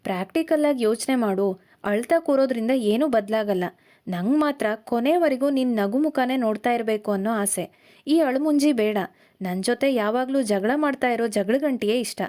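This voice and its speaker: Soft steady young husband, calm and gentle, warm mellow tone, pitched a bit high, as a lady storyteller puts him on. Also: moderate pace, lightly acted. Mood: gentle reassurance.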